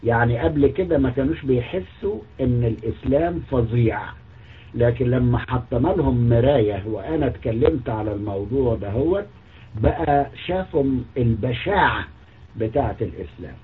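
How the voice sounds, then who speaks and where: A man's voice: mid-range voice, lively intonation, brisk, slight background noise. A man with an Egyptian Arabic accent giving a mocking, scornful polemical monologue, lecturing as a religious critic. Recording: tinny phone-like audio.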